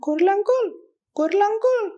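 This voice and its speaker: A woman voicing an excitable young squirrel who keeps calling out and begging for help in a cartoon. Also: very high-pitched, quick pace, highs cut off, a little hiss or hum. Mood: eager. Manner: urgent, repeatedly calling out and begging. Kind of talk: cartoon voice acting.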